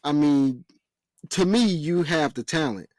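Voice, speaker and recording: A man with a somewhat high voice joins the sports chat, halting and leaning on fillers. The sound is dry and close to the mic. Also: darkish tone, no echo. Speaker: podcast co-host.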